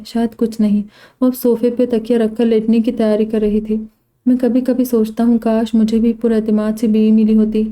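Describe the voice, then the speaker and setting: A woman with an Urdu accent narrating a romance novel aloud, voicing every character in her own voice. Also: fairly high pitch. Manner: reads all characters in her own voice, even tone. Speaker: audiobook narrator. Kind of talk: scripted novel reading.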